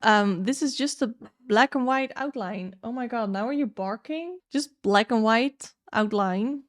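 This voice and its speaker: With a voice on the high side and an unhurried pace, a young woman whose native language is Dutch gives candid, chatty takes on upcoming tarot and oracle decks for her YouTube channel. The studio sound is clean, with no room sound.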